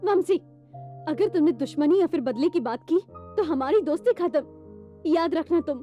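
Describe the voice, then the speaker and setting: An emotional young heroine, pleading and tender. Her voice is very high and swoops widely. She sounds earnest and urgent. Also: expressive, moderate pace, mellow, lo-fi sound, soft background music. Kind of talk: Hindi film dubbing.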